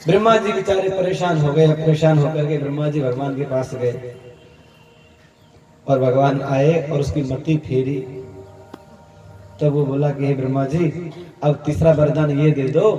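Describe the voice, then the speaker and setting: A man's voice: on the high side, fairly even intonation, measured pace, pauses often, dark tone, lo-fi sound. A man preaching a Hindi katha, telling stories and acting out their dialogue in a storytelling manner. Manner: storytelling preacher, acts out dialogue, chuckles to the crowd. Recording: echoey hall, distant mic, faint ambience.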